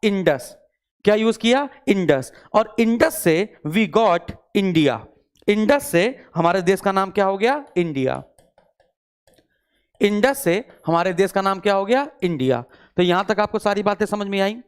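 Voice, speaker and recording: This is a male teacher in the middle of an online exam-prep lesson. He repeats each point, quizzes the class with quick questions and answers them himself, and drops in English words as he goes. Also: high voice, animated, clear, resonant tone. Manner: repetitive call-and-response questioning; mixes English words into speech.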